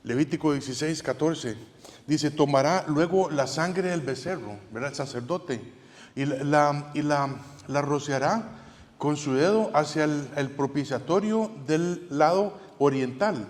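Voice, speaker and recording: In a church sanctuary, a man with a fairly high pitch preaches a sermon as pastor at a measured pace. He speaks conversationally, restarting often and using tag questions, and the hall gives the recording a long reverb.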